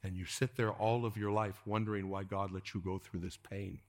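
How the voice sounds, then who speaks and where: A man preaching a sermon to a congregation in a church, dropping to hushed whispers and rising to urgent calls, and leading the room in call-and-response. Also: on the low side, little pitch movement, normal speed. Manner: swings from hushed whispers to raised exhortation, calls the congregation to repeat. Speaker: pastor.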